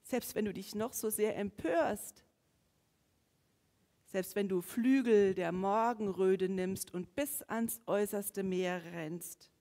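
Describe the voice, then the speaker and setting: A woman preaching a sermon, swinging between strong emphasis and hushed, whispered passages. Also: medium pitch, slow. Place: church. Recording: long reverb of a church hall.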